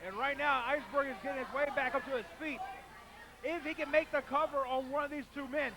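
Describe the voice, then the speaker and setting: A man giving excited, emphatic color commentary at a wrestling show, explaining the action. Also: very high voice, brisk. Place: wrestling arena at ringside. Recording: loud crowd and music, noisy arena broadcast.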